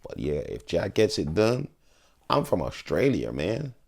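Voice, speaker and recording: A man's voice: sits low, wildly swooping pitch, unhurried, gravelly, darkish tone. A young man giving casual, slangy fight predictions in an emphatic, pleading way. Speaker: MMA vlogger.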